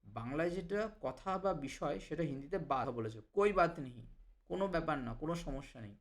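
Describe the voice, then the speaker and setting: A man with a fairly high voice runs a vocabulary lesson. He explains each word, says it again slowly and checks in with a quick "right?". His delivery is patient and methodical. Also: animated. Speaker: language teacher.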